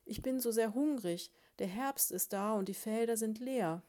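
A poor, hungry little mouse , as a woman reading a storybook puts her on, pleading in a raised, imploring voice and drawing out her slow wails. The sound is soft and mellow. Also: fairly high pitch, voice pushed up, close to an everyday voice. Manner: wailing, pleading, sobbing lament. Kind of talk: audiobook character voice.

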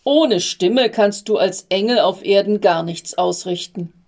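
A woman voicing a patient male archangel in a storybook reading, with a calm, measured, reassuring manner. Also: medium pitch.

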